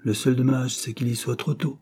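A man voicing a calm, fair-minded middle-aged father who owns a factory, speaking in a measured, gently reproving way. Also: mid-range voice, breathy edge, voice pushed up, lightly acted. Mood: gently firm.

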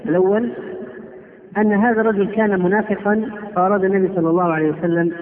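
A man giving a religious lesson, explaining hadith slowly and deliberately, word by word. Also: sits high, fairly even intonation. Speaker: Islamic scholar teaching. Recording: tinny, echoey hall recording.

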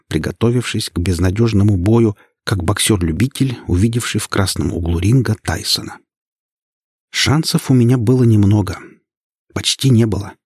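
A man narrating an audiobook in the first person, steady and measured. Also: fairly low pitch, slightly rough, no echo, studio quality.

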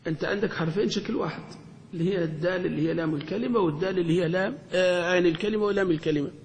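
A man leads a classroom grammar lesson. His voice sits high, and a long reverb trails off the walls of the hall. He keeps asking questions and repeats the key points. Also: very fast, slight background noise. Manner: questioning, repeats key phrases, checks students follow. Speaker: sheikh teaching Arabic grammar.

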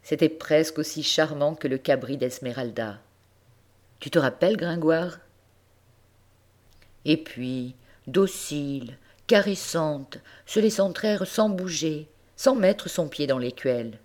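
A woman reading a classic story aloud, gentle and expressive, speaking to the listener. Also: deep voice, slow. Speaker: audiobook reader. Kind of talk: storytelling narration.

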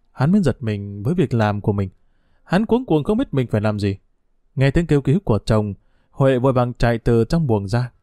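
A man narrating a story in an audiobook style, with a steady, measured reading. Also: mid-range voice, no room sound, clean studio sound.

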